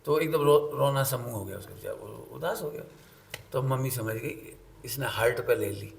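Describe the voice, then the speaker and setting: Speaking at a moderate pace in a gravelly mid-range voice, a middle-aged man who teaches Jain scripture preaches to listeners, with a little hiss or hum in the audio. His sermon is full of lively, homely stories where he performs the quoted voices and frequently asks the audience questions.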